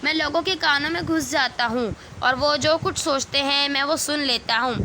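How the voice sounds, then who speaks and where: A woman's voice: high-pitched, pushed and bright, slight background noise. A woman voicing a tiny, clever magical boy the size of a pea, speaking playfully in a storybook tale. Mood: cheerful. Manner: cheerful, playful, whispering at times.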